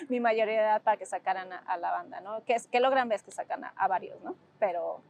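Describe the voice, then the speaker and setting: An expressive, creaky, slightly mellow voice of medium pitch, a little fast, with some hiss or hum behind it. The speaker is a Mexican-accented woman in her forties, a former student activist reflecting emotionally on past events for a documentary, often ending phrases with tag questions.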